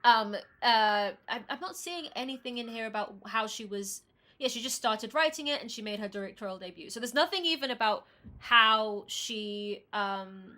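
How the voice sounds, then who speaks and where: A woman hosts a casual podcast chat. Her voice sits slightly high and rings brightly, and she speaks earnestly, doubling back on words as she works toward her point. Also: lively intonation. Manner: earnest, repeats words, halting restarts. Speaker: podcast host.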